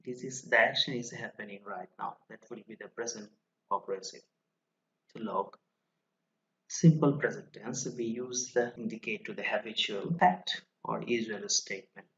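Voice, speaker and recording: A man teaching English grammar in an online lesson, slowly explaining rules and reading example sentences aloud. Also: on the low side, fairly bright tone, muffled recording.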